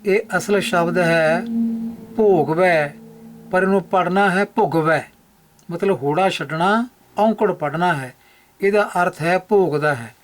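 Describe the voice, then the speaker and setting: A man gives a teaching lecture about pronunciation, laying out each rule step by step. He talks methodically, restating the key points to drive them home. His voice sits a little high for a man. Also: moderate pace. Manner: methodical, repeats key rules for emphasis. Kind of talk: explanatory lecture over slides.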